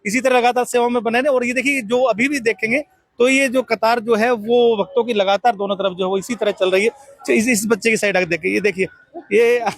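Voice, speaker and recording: High, husky-voiced man reporting live. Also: no room sound. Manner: rambling commentary with many fillers, chatty questions. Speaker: reporter covering a religious procession. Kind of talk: live on-the-street commentary and interviews. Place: outdoors at a crowded rainy procession.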